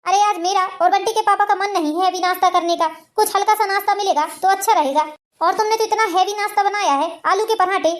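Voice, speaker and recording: A woman's voice: very high-pitched, quick pace. A woman voicing a bossy, spiteful working daughter-in-law in a cartoon family drama, talking in a sneering way.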